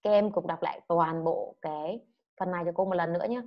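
A woman's voice: fairly low pitch, steady tone, a little fast, muffled recording. A woman from Vietnam teaching an online English lesson to children, explaining words and having pupils repeat after her. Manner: drills words loudly and has pupils repeat.

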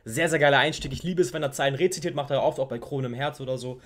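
A man hosting a reaction video, chatting casually and upbeat, often pausing on fillers. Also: medium pitch, steady tone.

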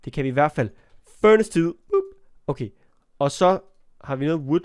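Young man, cold, high-pitched voice, gaming commentary, chatty, talks to animals. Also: lively intonation, a little mellow, clean tone. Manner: chatty, talks to the game animals, yelps when startled. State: has a cold. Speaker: gaming YouTuber. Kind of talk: Minecraft let's play commentary.

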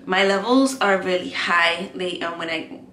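A woman's voice: fairly low pitch, measured pace, bright, forceful tone. A woman vlogger chatting candidly and rambling while she does her makeup at home. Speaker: beauty vlogger. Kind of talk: casual get-ready-with-me chat. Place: home, indoors. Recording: echoey room.

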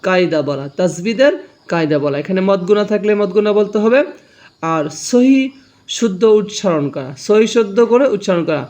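A man teaching beginner Quran reading, chanting letter-and-vowel spelling drills and asking and answering his own questions. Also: high voice. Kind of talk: recited spelling drill lesson.

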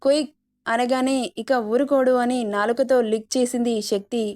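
Brief: woman narrator, slightly high pitch, steady, even romance-story reading. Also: moderate pace.

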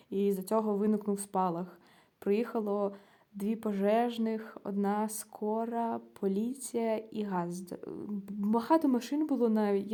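A young woman with a Ukrainian accent, telling a personal story to her vlog viewers, acting out the dialogue with lots of hesitations. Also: medium pitch. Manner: animated, acts out quoted dialogue with hesitations. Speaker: vlogger. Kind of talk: casual storytelling.

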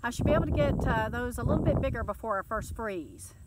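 A middle-aged woman talks folksy and chatty straight to her viewers while she walks through her rural garden. Her voice sits a little high. It is caught on a phone outdoors, with clear wind and yard noise behind her. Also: expressive, quick pace. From North Texas. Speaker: gardening vlogger. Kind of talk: casual vlog walk-through. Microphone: phone camera held or close by.

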